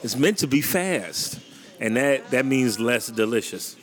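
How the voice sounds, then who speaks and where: A young man from Chicago hosts a laid-back conversation, voice in a middle register. He talks in a relaxed way but states strong opinions plainly, often padding with "like" and "you know.". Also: mid-range voice, unhurried. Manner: relaxed, opinionated, says "like" a lot. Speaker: host. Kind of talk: casual chat.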